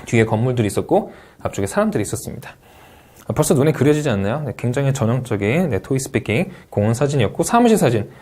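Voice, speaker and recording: Lively Korean man teaching English speaking. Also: mid-range voice, quick pace. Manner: encouraging, repeats English words for drill. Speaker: TOEIC Speaking instructor. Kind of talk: video lecture.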